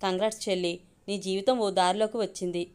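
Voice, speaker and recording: A woman's voice: medium pitch, steady tone, brisk, darkish tone, clear, resonant tone, natural voice. Woman reading as a dry, composed woman. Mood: questioning.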